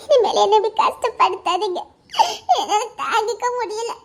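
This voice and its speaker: A man's voice: very high-pitched, moderate pace, pitched above the performer's own voice. A man voicing a tearful young wife who pleads through sobbing laughter in an audio story. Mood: tearful pleading.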